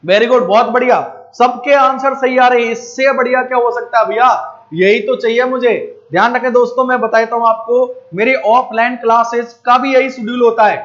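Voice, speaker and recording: High-voiced Hindi math teacher, coaxing. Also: male voice, steady tone, normal speed, fairly bright tone, highs cut off. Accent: Rajasthani Hindi. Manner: coaxing, repeats checks for understanding. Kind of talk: live online math class.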